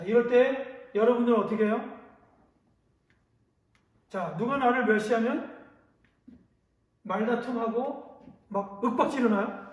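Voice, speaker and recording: A male pastor giving a children's sermon, telling a story with lively questions to the listeners. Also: very high voice. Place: church hall. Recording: echoey hall, from a distance.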